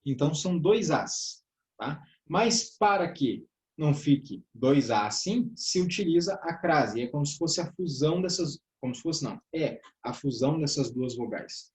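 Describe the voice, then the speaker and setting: A man with a southern Brazilian accent teaches a grammar lesson in a fairly high voice. He goes through each point step by step, checking in with "tá?" and addressing the class as brothers. The room gives his voice a noticeable echo. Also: lively intonation, normal speed, a little mellow. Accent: southern Brazilian Portuguese. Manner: explains step by step, often ending phrases with "tá?" and "né?"; addresses listeners as "irmãos". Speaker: teacher of a church workers' course. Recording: echoey room.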